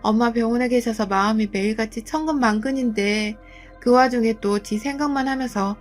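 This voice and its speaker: A woman's voice: on the high side, fairly quick, faint music behind. A woman narrating a first-person true story in an indignant, emphatic way.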